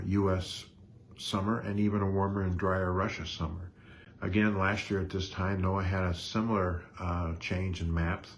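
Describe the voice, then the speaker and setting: A man giving morning market commentary as an analyst, in a halting, hesitant delivery with frequent pauses. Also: low-pitched, a little hiss or hum.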